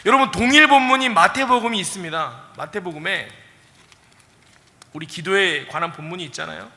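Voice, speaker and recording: A man preaching a sermon as a pastor, telling a story in an animated way and asking the congregation questions. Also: high voice, fairly quick, in a large hall.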